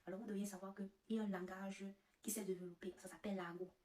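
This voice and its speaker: A woman telling a comic story as a vlogger, animated and laughing at her own tale. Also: mid-range voice, quick pace, distant mic. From Cameroon. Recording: roomy, away from the mic.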